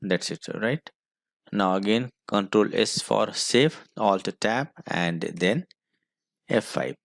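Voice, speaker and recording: A man's voice: fairly low pitch, animated, slow, vocal fry, no room sound, clean studio sound. A man with an Indian English accent teaching a school computer class, dictating code step by step. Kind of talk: screen-recorded coding lesson.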